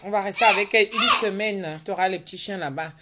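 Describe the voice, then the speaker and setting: A woman's voice: mid-range voice, quick pace, heavy background noise. Chatty woman hosting a live stream. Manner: chatty, reads viewer names aloud and answers them. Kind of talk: casual livestream chat reading viewer comments. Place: at home.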